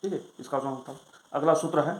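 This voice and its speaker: A male Sanskrit grammar teacher explaining rules in a lesson, reciting them slowly and then asking and answering his own questions. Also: on the high side, reverberant, poor audio. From Bihar, India.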